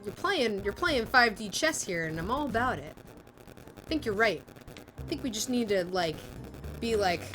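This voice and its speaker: A woman voice actress live-streaming a game, thinking aloud in an animated way, swearing casually and reading lines aloud. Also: medium pitch, moderate pace, long pauses, slight background noise.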